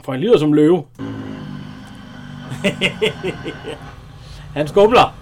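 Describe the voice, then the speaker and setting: A man's voice: on the high side, big pitch swings, faint music behind. A man in casual watch-along chat, retelling scenes and mimicking lines between laughs. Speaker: film commentator.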